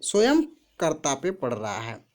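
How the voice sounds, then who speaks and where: A woman teaching a grammar lesson, who asks questions and answers them herself, repeats key words and reads example sentences very slowly. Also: a bass voice, big pitch swings, darkish tone. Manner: slow, repeats answers to her own questions.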